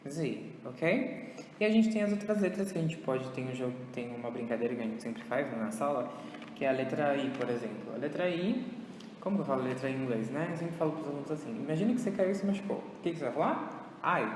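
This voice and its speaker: A man teaching an English lesson with a Brazilian Portuguese accent, slow and patient as he moves between Portuguese and English. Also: mid-range voice, animated, a little mellow, slight background noise. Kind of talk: recorded online lesson. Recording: echoey room with long reverb.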